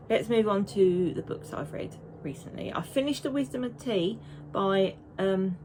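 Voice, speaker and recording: A woman knitting vlogger chats casually to camera, rambling and often restarting her sentences. Her voice is mid-range and darkish, and the poor audio has a little hiss or hum.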